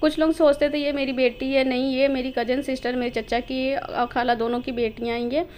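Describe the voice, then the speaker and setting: A woman's voice: high-pitched, flat delivery, a little fast, a little mellow. A woman chatting casually to her viewers as she narrates her day in a home vlog. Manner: chatty, explains to viewers directly. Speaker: vlogger.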